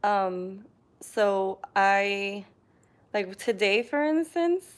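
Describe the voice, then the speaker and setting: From her living room, a young New York vlogger reads live chat comments extremely slowly in an expressive, medium-pitched voice. Her casual stream talk is halting and packed with ums, and a camera on a tripod records her.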